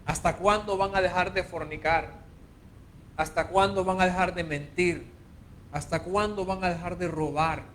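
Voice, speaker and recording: High-voiced man preaching with passion. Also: steady tone, normal speed, a bit bright, slight background noise. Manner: impassioned, mocks quoted people in a whiny high voice. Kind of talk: informal sermon.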